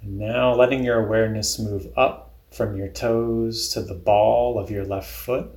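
A man with a fairly low voice leads a guided body scan meditation, calm, deliberate and instructional. The sound is reverberant.

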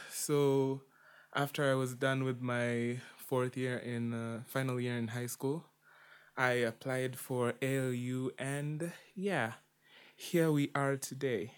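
A man in his twenties with a Kenyan accent, introducing himself casually and hesitantly with many pauses. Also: mid-range voice, clean tone. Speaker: podcast sound director.

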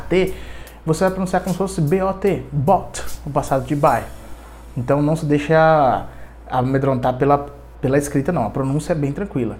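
An English teacher with a Brazilian Portuguese accent giving a podcast lesson, drilling verb forms in a deliberate way, repeating words and spelling them out. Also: medium pitch, a little mellow.

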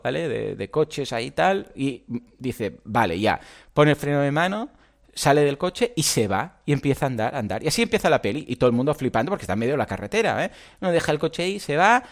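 Lively, animated host. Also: male voice, a little high. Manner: animated, jumps into loud playful outbursts. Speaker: podcast host. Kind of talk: live podcast chat.

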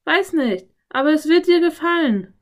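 A woman voicing an eager, excitable young girl in a storybook reading. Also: high-pitched, a little slow, pitched above the performer's own voice. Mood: excited. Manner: bright, pleading, excited calls.

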